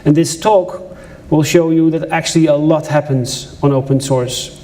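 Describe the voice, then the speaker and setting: The speaker, a Dutch-accented man from the Netherlands, gives a conversational conference talk in a lecture room, often restarting and addressing asides to the audience. His voice is warm and fairly high, holding a steady tone at normal speed.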